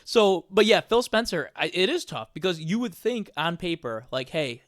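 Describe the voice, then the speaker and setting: A man's voice: high voice, moderate pace, dry recording. Opinionated man, dry close mic. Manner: animated, opinionated, many fillers. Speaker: podcast co-host. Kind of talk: casual chat.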